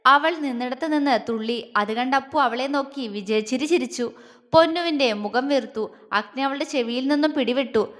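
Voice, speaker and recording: A woman tells a family love story in a bright, high voice, shaping each scene with expressive narration. Her voice rings out with a long hall-like reverb. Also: normal speed. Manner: expressive, voices every character herself.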